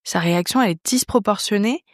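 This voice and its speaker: Young French woman narrating her own anecdote, lively and chatty, mid-pitched, dry booth sound. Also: quick pace, no room sound. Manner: animated, chatty, frequent fillers and restarts. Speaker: podcast host. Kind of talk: storytelling monologue.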